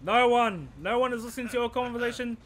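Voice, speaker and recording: A man's voice: very high-pitched, fast, a crowd in the background. A man with a broad New Zealand accent chatting casually in a police role-play game, sweary and matey, full of slang. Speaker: streamer playing a police officer.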